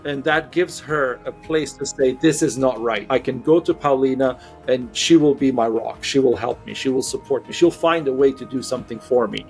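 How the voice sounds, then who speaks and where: A man hosting a podcast on social issues, introducing his guest and responding in an affirming way with a few hesitant restarts. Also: mid-range voice. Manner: warm, affirming, with some ums and hesitant restarts. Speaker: podcast host.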